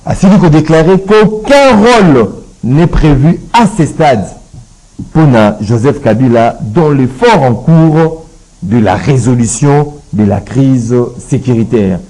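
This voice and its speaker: A man hosting a political talk show, prompting his guest with short murmurs and halting questions, mixing French and Lingala. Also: medium pitch, mellow, low-quality recording. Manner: frequent backchannel murmurs, halting with fillers; switches between Lingala and French.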